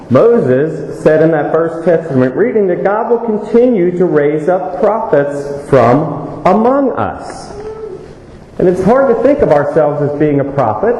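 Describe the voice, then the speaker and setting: A man's voice: fairly high pitch, dark tone. A man giving a conversational homily as a priest, plain-spoken and anecdotal, his voice echoing in a church. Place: reverberant church. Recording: echoey church reverb with faint noise.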